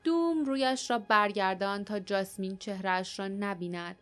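A woman narrating an adventure audiobook in a steady, expressive storytelling manner. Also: medium pitch, soft background music. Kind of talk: scripted narration.

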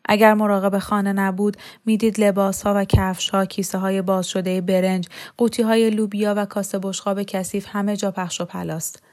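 A woman narrating a novel as an audiobook in a calm, even storytelling manner. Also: medium pitch.

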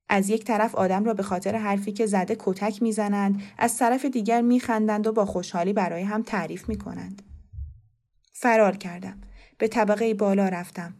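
Woman narrating a novel steadily. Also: mid-range voice. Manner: steady, measured storytelling. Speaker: audiobook narrator.

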